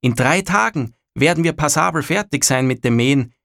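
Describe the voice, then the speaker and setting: A man's voice: on the high side, expressive, normal speed, creaky, fairly bright tone, no echo, voice pushed up. A man voicing a lazy but stubborn young farmer's son who speaks bluntly.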